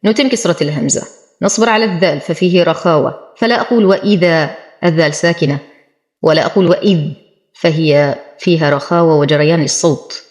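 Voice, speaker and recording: A woman teaching Quran recitation, explaining the rules of each word and then reciting it slowly and deliberately. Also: deep voice, a little mellow. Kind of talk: tajweed lesson with slow recited examples.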